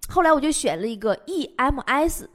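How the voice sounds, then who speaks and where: A woman's voice: high-pitched, animated, moderate pace. A young woman with a Northeastern Chinese accent, telling comic stories and laughing at her own jokes. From Northeast China. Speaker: comedy show host. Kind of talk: scripted comedic storytelling.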